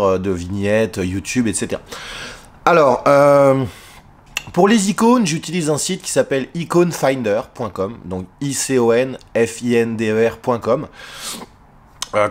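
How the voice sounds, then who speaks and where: A man talking straight to camera in a casual video tutorial, chatty and informal with many fillers and restarts. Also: mid-range voice. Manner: addresses the viewer informally. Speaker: YouTuber giving tips. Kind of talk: casual face-cam tutorial. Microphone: face cam.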